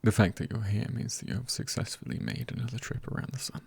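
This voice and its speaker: An ASMR creator speaks softly and hushed, often near a whisper, offering gentle encouragement in deliberate, spaced-out phrases. His voice is breathy, husky and on the low side.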